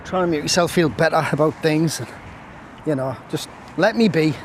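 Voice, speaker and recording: A man's voice: fairly high pitch, normal speed, a little hiss or hum. Chatty man, riverbank fishing vlog. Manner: chatty, jokey, self-mocking asides. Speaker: angling vlogger. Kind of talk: casual chat to camera while fishing. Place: outdoors on a windy riverbank. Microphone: camera on a stand, at times stepping away.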